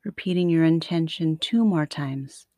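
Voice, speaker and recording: A woman guiding a sleep meditation like a sleep story narrator, soothing and unhurried, with long pauses between short phrases. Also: deep voice, dark tone, no room sound, clean studio sound. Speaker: yoga nidra meditation teacher.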